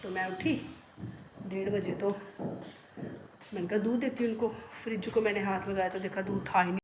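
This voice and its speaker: A woman's voice: mid-range voice, steady tone, normal speed. A middle-aged woman vlogging from home, telling a long rambling story straight to her viewers and repeating herself as she goes. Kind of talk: casual chatty storytelling to viewers. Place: home, indoors. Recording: echoey room with clear background noise.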